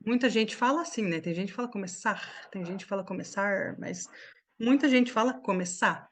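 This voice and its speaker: A woman from Brazil teaching an online English class, explaining pronunciation slowly and often checking that her students follow. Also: on the high side, animated, a little hiss or hum.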